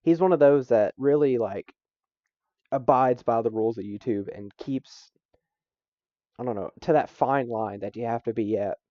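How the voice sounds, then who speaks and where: A young man co-hosting a casual podcast chat, animated and swearing often, filling his talk with "like". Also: mid-range voice, moderate pace, no echo, dull audio. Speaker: podcast co-host.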